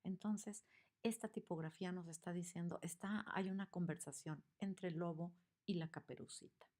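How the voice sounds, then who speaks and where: A woman teaching a lesson on picture books, expressive and asking her listeners questions. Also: lowish voice, normal speed. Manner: expressive, acts out the examples, asks the audience questions.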